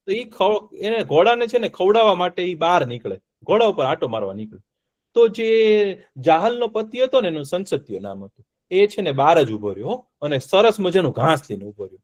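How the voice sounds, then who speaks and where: A man's voice: high-pitched, normal speed. A man from telling a folk tale to children, stopping often to ask them questions. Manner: lively, asks the children questions as he tells. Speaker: storyteller for children.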